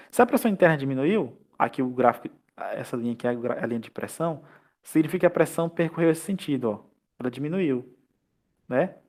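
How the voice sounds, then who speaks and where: A man's voice: on the high side, darkish tone. Brazilian man teaching chemistry online. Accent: Brazilian Portuguese. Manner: explanatory, asks rhetorical questions, adds checks like "tá?" and "né?". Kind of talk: online class lecture. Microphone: computer mic on a video call.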